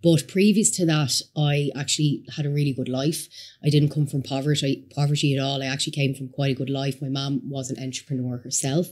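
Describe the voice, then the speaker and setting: A woman in her thirties from Somalia, speaking with a Dublin accent, tells her life story as a guest entrepreneur in a casual interview. Her voice is very deep and darkish, fairly quick, with fairly even intonation. She is chatty and candid as she tells her stories.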